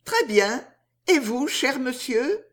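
A woman's voice: sits high, sing-song, takes it slowly, pitched above the performer's own voice, full character voice. A woman voicing Riquette, a frank, playful young woman in love, in a dramatized story reading. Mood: polite.

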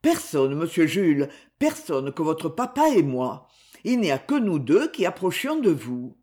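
Reader doing a kind servant boy, soft and soothing, voice bouncing around. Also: mid-range voice, very animated, a little slow. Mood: reassuring. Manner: soothing, reassuring. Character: devout gentle boy servant. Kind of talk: audiobook character reading.

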